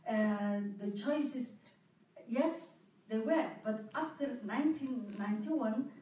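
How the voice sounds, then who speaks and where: A woman speaking earnestly on a discussion panel, halting now and then with fillers. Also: a little high, warm tone. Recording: very echoey hall, far from mic.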